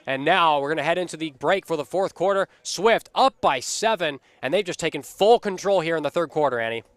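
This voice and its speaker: A man calling a lacrosse game live from a commentary booth, steady and energetic, lifting on big plays. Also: a little high, brisk, no room sound, soft background music. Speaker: play-by-play commentator.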